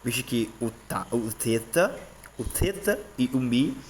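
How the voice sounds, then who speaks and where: A man's voice: medium pitch, expressive, unhurried, a little hiss or hum. Man with a Brazilian accent explaining patiently. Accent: Brazilian Portuguese. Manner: frequent fillers and "tá?" checks, repeats terms. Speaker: teacher. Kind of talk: casual explanatory lesson.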